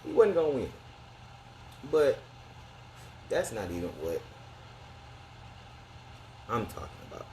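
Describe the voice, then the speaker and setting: A man's voice: medium pitch, very animated, slow, long pauses, warm tone, slight background noise, poor audio. An American man talking in a slangy, emphatic, conversational way, as in a casual opinionated sports rant.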